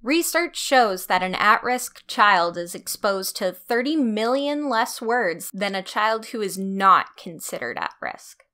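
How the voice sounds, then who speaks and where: A woman's voice: medium pitch, lively intonation, slow pace, few pauses, sharp tone. A woman giving scripted instructional narration for a training video.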